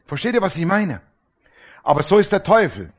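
A middle-aged man preaches a relaxed, anecdote-filled sermon in a high voice at a normal pace. He's animated and colloquial, performing the voices of the people in his stories.

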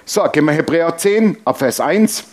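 A middle-aged man from Germany preaching a sermon and telling lively personal anecdotes. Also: a little high, moderate pace. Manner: animated storytelling, mimics honking and quarrels. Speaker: pastor.

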